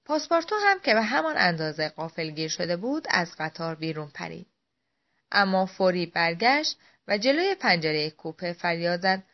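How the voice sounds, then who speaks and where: A woman narrating a classic adventure novel as an audiobook, clear and expressive. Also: medium pitch. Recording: dull lo-fi audio.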